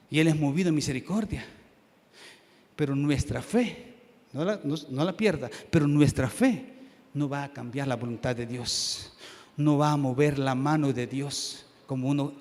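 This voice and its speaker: A high-voiced man preaching a sermon in a church sanctuary. He swings between loud, driving passages and soft, hushed asides, and the room's long reverb trails behind him. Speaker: pastor.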